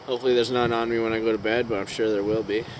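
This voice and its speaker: A man chatting casually to his viewers in a laid-back, unhurried outdoor vlog. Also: mid-range voice, flat delivery. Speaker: outdoor camping vlogger. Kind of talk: casual solo vlog chat. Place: outdoors at a campground at night. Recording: outdoor wind and ambient noise.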